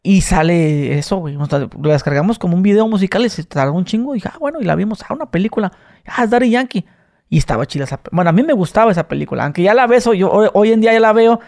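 A man's voice: sits high, lively intonation, fast talker, vocal fry, a little mellow. A Mexican man hosting a podcast, chatting casually in heavy slang and acting out voices he quotes. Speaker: podcast host. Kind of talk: casual chat.

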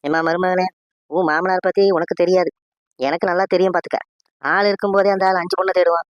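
A man's voice: high voice, flat delivery, fast talker, no echo, muffled recording, close to an everyday voice. A man doing a scheming old wife. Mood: scornful. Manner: scolding, gossipy, bossy. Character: scheming older village wife, sharp-tongued. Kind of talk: cartoon voice acting.

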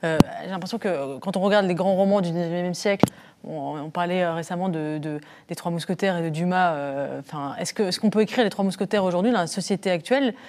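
A woman's voice: fairly low pitch, fast, a little mellow, a little hiss or hum. A woman hosting a panel discussion, asking long questions with frequent hesitations. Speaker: host.

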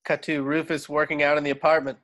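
A man reads stage directions quickly in a level tone, his voice a little high and somewhat bright. The setting is a relaxed online table read, which he joins from home over a video call.

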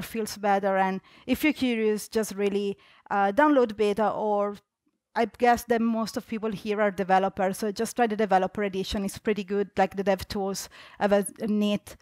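On the stage of a large, dark auditorium, a young adult Italian woman presents at a conference in a slightly high voice, her Italian accent evident. The sound is dry and clean, studio-grade, and her talk is conversational with frequent fillers and restarts.

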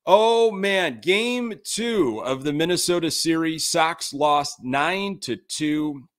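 A man's voice: a little high, expressive, slow, a bit bright. A man in his thirties hosting a sports podcast from a home studio, talking in a casual, frank way with lots of fillers. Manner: conversational, many fillers, frank and critical. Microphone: large desk mic on camera.

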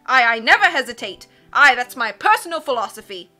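A woman voicing a blustering, excitable male submarine captain from a storybook, roaring and constantly changing his mind. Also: on the high side, soft background music. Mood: blustering, scatterbrained. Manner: roaring, self-contradicting, rapid changes of mind.

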